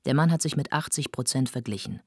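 A woman reading a novel aloud, voicing a tolerant older gentleman who speaks in a measured, soothing way. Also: very deep voice, husky, no room sound, clean studio sound. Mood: calm.

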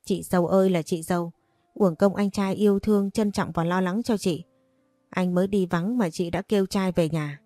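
A woman's voice: lowish voice, steady tone, normal speed, mellow, no room sound, soft background music, lightly acted. A woman voicing a spiteful young sister-in-law who accuses with whiny, mock-tearful complaints, in a storybook reading. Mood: accusing.

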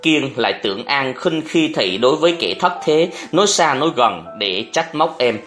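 A man's voice: medium pitch, normal speed, soft background music. Man reading a novel aloud expressively. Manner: expressive storytelling. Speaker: audiobook narrator. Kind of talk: scripted narration of a novel.

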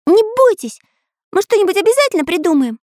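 A woman plays a tiny pencil wizard in a storybook reading, with a shrill, very high voice that climbs and dips a lot. He is eager and breathless. The recording is close and dry. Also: big pitch swings, a little fast, a little mellow, no room sound. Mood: anxious eager. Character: excitable high-pitched little pencil-boy wizard.

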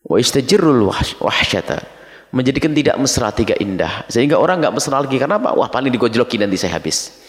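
A man's voice: mid-range voice, big pitch swings, quick pace. A middle-aged man preaching a dawn sermon, reading Arabic phrases and explaining them to his listeners as his children. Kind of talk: dawn sermon teaching from a text. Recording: long reverb of a large hall.

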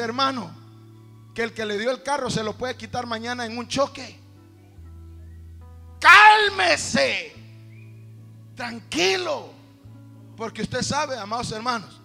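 A man preaching fervently in a church, his voice sitting very high with a gravelly edge. He drops to quiet asides, then rises to shouted praise. Soft music plays underneath. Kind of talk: sermon.

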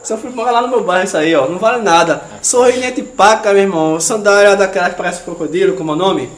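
Male comic co-host, high pitch, slangy storyteller, roomy mic. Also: fast. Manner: slangy, animated storyteller, gets loud and laughing at the climax. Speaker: podcast co-host. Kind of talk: comedic storytelling chat. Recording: echoey room with faint noise.

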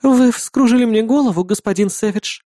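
A man's voice: very high voice, moderate pace, warm tone, dry recording, clean studio sound, pitched above the performer's own voice. A man voicing a coy, teasing young woman.

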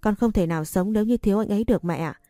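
A woman's voice: medium pitch, very fast, warm tone, no echo, clean studio sound, soft background music, close to an everyday voice. A woman voicing a young wife who begs and stammers through tears in a storybook reading. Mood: tearful. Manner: stammering, begging. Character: young wife, tearful and pleading.

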